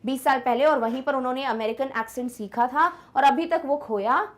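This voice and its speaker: A young woman teacher explaining an English story in Hindi, reading English lines slowly and checking if students follow. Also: high-pitched. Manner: switches between slow English reading and fast Hindi explanation; asks checking questions like "clear?". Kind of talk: Hindi-medium English lesson, explaining text.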